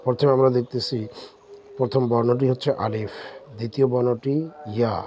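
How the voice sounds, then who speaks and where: A man teaching Quran reading step by step, spelling out letters and drawing out syllables slowly. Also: medium pitch, level tone, mellow, a little hiss or hum. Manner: slow, drawn-out syllable drills. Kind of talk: step-by-step recitation lesson.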